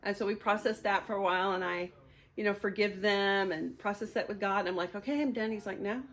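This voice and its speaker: A woman's voice: medium pitch, little pitch movement, brisk, a bit bright. A woman in her fifties sharing a personal testimony, speaking candidly and with emotion, often laughing through hard memories.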